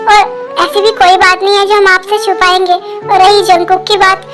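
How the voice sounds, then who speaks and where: Fan-dub woman as a resigned young wife: very high, level, soft-spoken, faint music. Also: flat delivery, moderate pace. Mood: gentle. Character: young wife, sad and self-blaming.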